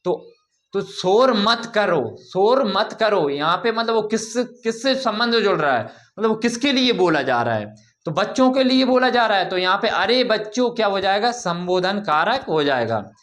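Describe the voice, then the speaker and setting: A man explaining grammar in a lesson, asking questions and answering them himself, with informal, drawn-out explanations. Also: sits high, big pitch swings, a bit bright. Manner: repeats key points as questions and answers them. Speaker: teacher.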